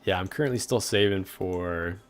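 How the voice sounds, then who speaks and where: A young gaming livestreamer with a low voice chats at a moderate pace, relaxed and rambling as he reads viewer messages aloud. Faint game music plays behind him.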